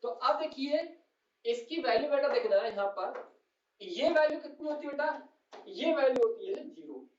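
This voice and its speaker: A male physics teacher with a very high-pitched, expressive voice explains at a moderate pace on a whiteboard, calling his students "beta" and answering the questions he poses himself. The classroom recording is distant, roomy and dull, with slight background noise.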